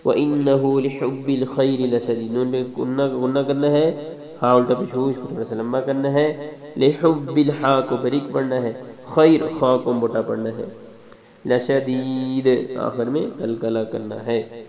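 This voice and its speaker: A man teaching Quran recitation rule by rule, explaining briskly and methodically. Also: mid-range voice, level tone, a crowd in the background. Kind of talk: step-by-step recitation instruction. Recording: tinny, echoey, phone-like sound.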